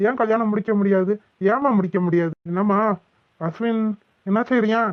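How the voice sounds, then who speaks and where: A woman voicing a dutiful young village man who calmly reassures his family. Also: mid-range voice, brisk, dry recording, highs cut off, lightly acted. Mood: reassuring.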